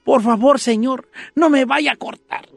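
A woman's voice: high-pitched, measured pace, vocal fry, no echo, soft background music, voice pushed up, full character voice. A woman voicing a small, frightened male Christmas tree that begs and cries out in pain. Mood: pleading. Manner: whimpering, begging, cries out in pain.

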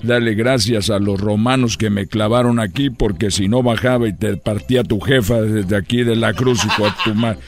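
A man doing a gruff, annoyed Jesus. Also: lowish voice, moderate pace, few pauses, over music, lightly acted. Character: irritable crucified Jesus, gruff adult man.

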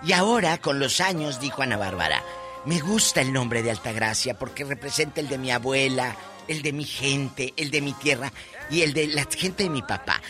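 A man's voice: medium pitch, normal speed, over music. A man from Mexico co-hosting a comic radio show, joking and acting out voices in his anecdotes. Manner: playful, acts out voices in anecdotes. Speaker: radio co-host.

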